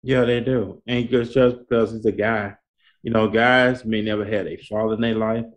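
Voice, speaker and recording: A man's voice: lowish voice, steady tone, moderate pace. A man hosting a talk in a colloquial, preacherly style, repeating his points to urge listeners on. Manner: repetitive, exhorting, colloquial. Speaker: host. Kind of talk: conversational talk, motivational preaching.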